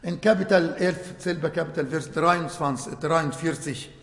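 A man preaching a sermon in a slow, halting way, often restarting phrases and searching for words, with earnest emphasis. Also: fairly high pitch. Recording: echoey hall with long reverb.

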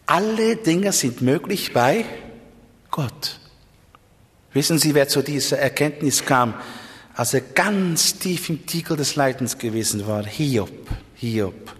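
Male preacher, fairly high voice, emphatic sermon, asks rhetorical questions, long reverb of a hall. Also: lively intonation, measured pace, a bit bright. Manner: emphatic, rhetorical questions, big swings in pitch.

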